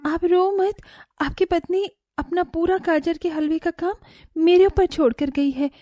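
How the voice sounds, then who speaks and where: A young cartoon mother in disguise, earnest and sweet. Her voice sits very high yet sounds mellow, in a dry studio recording. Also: a little slow, no room sound. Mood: gently consoling. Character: young mother posing as a kindly stranger.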